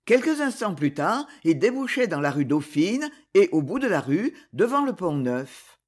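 An audiobook narrator reading a dramatic novel with expressive storytelling. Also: medium pitch, moderate pace.

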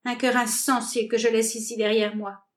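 A woman's voice: on the high side, little pitch movement, normal speed, natural voice. A woman voicing a timid, prim, lovesick young woman in a read-aloud stage comedy, plaintive, earnest and theatrical. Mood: pleading.

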